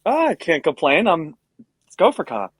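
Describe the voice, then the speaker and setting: A man's voice: a little high, wildly swooping pitch, normal speed, slightly rough. A man in his forties hosting a live online event in casual, jovial, upbeat chat. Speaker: conference host. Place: indoor home studio.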